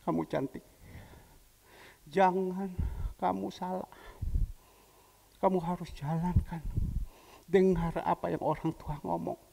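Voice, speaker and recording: Slow gravelly Indonesian pastor. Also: male voice, high-pitched, little pitch movement, dark tone. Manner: emotional storytelling, acts out dialogue. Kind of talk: sermon. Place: church hall. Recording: reverberant church hall.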